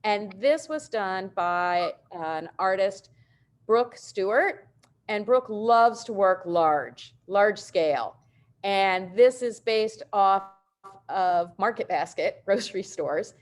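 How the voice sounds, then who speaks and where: A middle-aged woman speaks over a video call, walking her audience through artists' prints. She sounds warmly enthusiastic and informal, with relaxed asides and quick self-corrections. Her voice sits at an ordinary middle pitch. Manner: warm, enthusiastic explaining. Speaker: printmaker presenting artists' work. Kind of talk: virtual presentation talk.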